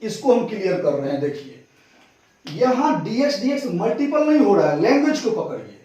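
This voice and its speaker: A man's voice: high-pitched, sing-song, fairly quick, mellow. A maths teacher with a Bihari Hindi accent, lecturing a class at the board and asking questions that he answers himself. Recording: echoey classroom from far off.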